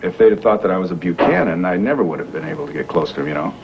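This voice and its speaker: In this 1980s daytime soap scene, preserved on a worn, muffled, hissy videotape of the broadcast, an actor with a low-pitched voice plays a rich young businessman. He earnestly explains his masquerade as a factory worker, stumbling through halting fillers.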